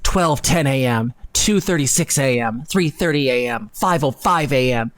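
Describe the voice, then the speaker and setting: This man, co-hosting a live stream from a computer in an indoor room, gives a mock-dramatic reading full of theatrics and sarcasm. He speaks at medium pitch and moderate pace, animated, and breaks off now and then to swear casually.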